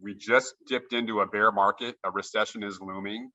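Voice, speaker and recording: A man's voice: lowish voice, steady tone, normal speed, bright, forceful tone, lo-fi sound. A man chatting keenly as a guest over a video call, often restarting his sentences. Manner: enthusiastic, with frequent restarts. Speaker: guest note investor. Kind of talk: casual interview chat.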